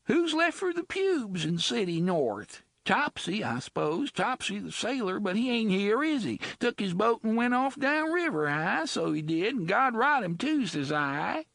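A man voicing a bitter, ragged older woman who talks in a rough dialect, dogged and scornful. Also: sits high, very animated, unhurried, few pauses, a bit bright, dry recording, clean studio sound, voice pushed up, heavily acted. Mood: sullen.

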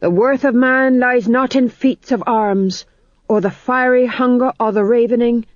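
A woman's voice: a little high, a little slow, no room sound, muffled recording, voice pushed up, lightly acted. Woman playing a theatrical male actor. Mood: grand. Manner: dramatic, declamatory.

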